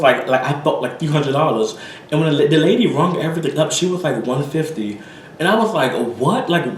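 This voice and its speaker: Young male vlogger, worn out and rambling, mid-pitch, roomy far-off sound with faint hiss. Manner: rambling, apologetic, many fillers. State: tired, full from eating. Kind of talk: casual chat to camera.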